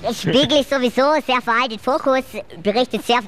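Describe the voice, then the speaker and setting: A young man talking with a squeaky, chipmunk-like voice from breathing helium. He is dizzy from the gas and brags in a mock-serious, joking way in a casual chat. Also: a little fast, fairly bright tone. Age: young adult. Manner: boastful, mock-serious bragging. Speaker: passer-by interviewed at a fair booth.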